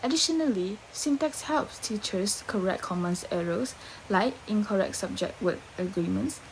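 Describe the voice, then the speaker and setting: A young woman, a student who will teach English, giving a class presentation in a steady read-out way. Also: mid-range voice, normal speed, creaky, slight background noise, poor audio.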